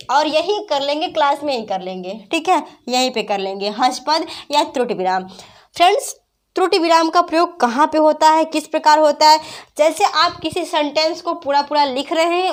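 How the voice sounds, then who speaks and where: A woman teaching a grammar lesson, patiently asking her students questions and repeating the answers herself. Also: high voice. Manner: repeats questions to students, addresses them as friends; patient, explains slowly with examples. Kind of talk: online class lesson.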